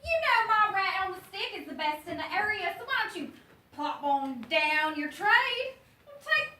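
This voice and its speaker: A gruff, bargaining street vendor man, all folksy dialect and hard sell, her voice sitting high and bright. It sounds like a live stage play caught from far back in an echoey hall, with noise underneath. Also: sing-song, moderate pace, full character voice. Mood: streetwise. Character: scrappy adult male street food vendor, streetwise. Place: theater stage. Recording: echoey, distant, noisy stage recording.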